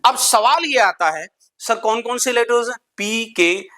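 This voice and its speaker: A man's voice: very high voice, measured pace, sharp tone. A man teaching English pronunciation in a lesson. He asks questions, answers them himself, and spells words out letter by letter. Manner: repeats rules for emphasis.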